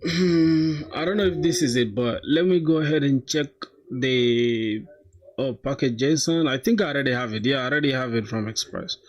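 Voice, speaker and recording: A young man from South Sudan live-streaming his coding, thinking aloud in a slangy, casual way with bursts of excitement. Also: medium pitch, moderate pace, highs cut off. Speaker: coding livestreamer.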